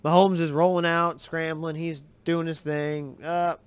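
A man hosting a sports podcast, giving excitable, rambling, profane commentary over game footage. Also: on the high side, measured pace, clean tone.

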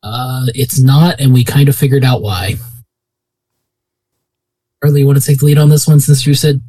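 Tabletop player, husky, dark mellow tone, medium pitch, casual banter. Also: moderate pace, low-quality recording.

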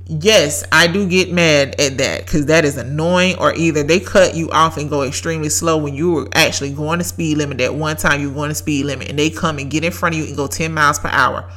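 A woman's voice: sits low, fairly even intonation, a little fast, few pauses, a bit bright. A woman, giving an emphatic, preachy faith talk as a podcast host and repeating lines for effect. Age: 30s. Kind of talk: faith-based motivational talk.

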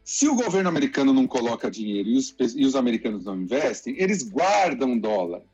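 A Brazilian man explaining the economy to listeners in a lively, conversational way, acting out what people say. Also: mid-range voice, fast talker, breathy edge. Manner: lively explainer, acts out quotes. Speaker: economic commentator. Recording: dull lo-fi sound with faint music.

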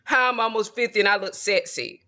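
A brisk, high-pitched voice with a sharp tone belongs to this late-forties tarot creator. On camera by himself, he gives a casual, self-assured monologue that rambles and repeatedly returns to the same points.

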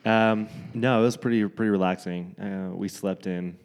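A man's voice: sits low, steady tone, moderate pace. A young man from Dallas, chatting easily as a podcast guest with lots of fillers. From Dallas, Texas. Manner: laid-back, rambling with fillers. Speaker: guest, singer-songwriter. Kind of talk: casual interview chat.

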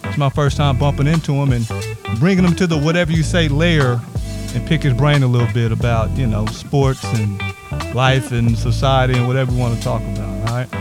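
A man's voice: medium pitch, fairly even intonation, a little fast, music in the background. Hyped man hosting a home podcast. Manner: hyped, loose, full of shout-outs. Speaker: podcast host. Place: a house set up as a home studio.

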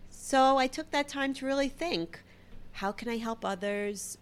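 A woman's voice: sits high, measured pace, clean tone. A woman in her thirties with a Brooklyn accent, hosting a solo podcast in a chatty, self-deprecating way. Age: 30s. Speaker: podcast host. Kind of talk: casual solo podcast talk.

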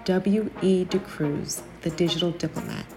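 A woman's voice: on the low side, normal speed, over music. A woman from New Jersey hosting a podcast, upbeat and emphatic, laughing easily in casual chat. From New Jersey, USA. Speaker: podcast host. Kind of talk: scripted intro then casual chat.

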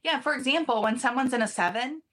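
A woman's voice: high-pitched, quick pace, a bit bright. A woman speaking as a numerology guest in a casual podcast interview, chatty, restarting her sentences and laughing easily.

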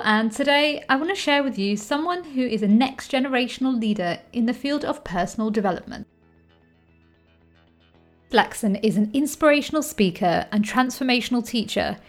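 A woman hosting a spiritual podcast, gushing and encouraging as she introduces her guest. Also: a little high. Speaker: podcast host. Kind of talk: scripted intro then interview hosting.

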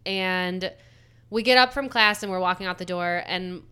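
A young woman telling an embarrassing story in a casual chat, filling her speech with "like" and trailing off softly. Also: on the low side, moderate pace, clear, resonant tone. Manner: fills speech with "like", trails off quietly.

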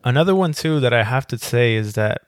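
A man's voice: medium pitch, lively intonation, brisk, smooth, no echo, studio quality. A young man co-hosting a casual podcast, loose and joking, swearing and laughing often. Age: young adult. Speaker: podcast co-host.

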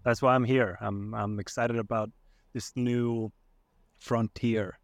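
A man from Iceland, a podcast guest, talking casually and thoughtfully with many pauses and restarts. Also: medium pitch, fairly even intonation, no room sound. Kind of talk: casual conversation.

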